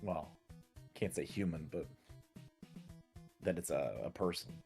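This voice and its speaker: A man's voice: deep voice, a little slow, a little mellow, soft background music. A man playing a tabletop role-playing game over voice chat, practical and explaining rules. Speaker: player.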